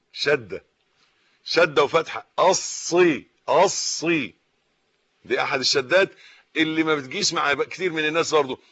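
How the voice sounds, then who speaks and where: A man with an Egyptian Arabic accent teaching Quran recitation, reciting slowly and then explaining corrections quickly. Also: a little high, fairly bright tone, muffled recording.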